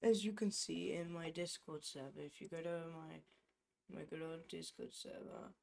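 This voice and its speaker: Young developer, casual rambling walkthrough, warm dark tone, faint background noise. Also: medium pitch, normal speed, vocal fry. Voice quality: rambling, self-correcting. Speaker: game developer showing his game. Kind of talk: casual screen-capture commentary.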